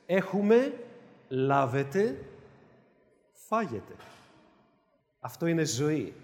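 Man preaching, high voice, emphatic repetition, long church echo. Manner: emphatic, repeats key phrases for effect. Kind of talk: sermon.

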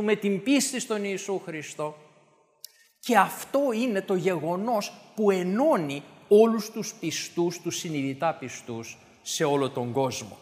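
A man preaching a sermon. He speaks animatedly, building to emphatic bursts and then dropping low. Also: a bit bright, in a large hall.

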